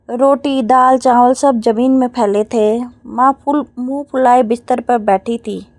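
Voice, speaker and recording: High-voiced woman storyteller. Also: a little mellow, no echo. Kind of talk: read-aloud story narration.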